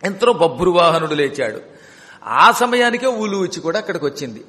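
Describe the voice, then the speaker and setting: A man's voice: a little high, expressive, normal speed, pushed and bright. A man retelling an epic story in a devotional discourse, explaining the story as he goes. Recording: long hall reverb.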